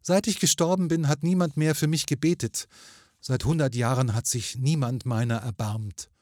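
A man's voice: medium pitch, fairly even intonation, normal speed, a little mellow, no room sound, studio quality, pitched above the performer's own voice, close to an everyday voice. A man voicing the faint, sweet ghost of a murdered young woman in a storybook reading, pleading and lamenting.

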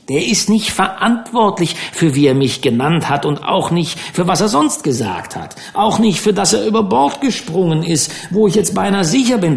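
A man playing a stern old male schooner captain with slow, moralizing, dialect-tinged speech in an audiobook. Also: fairly high pitch, gravelly, voice pushed up, full character voice.

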